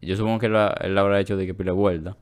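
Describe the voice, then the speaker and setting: A young man with a low voice and a clear Dominican accent. He chats casually, as among friends on a podcast, in street slang with bits of English dropped in. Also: level tone, very fast, darkish tone. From Dominican Republic. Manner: slangy, with English words mixed in. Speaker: podcast co-host.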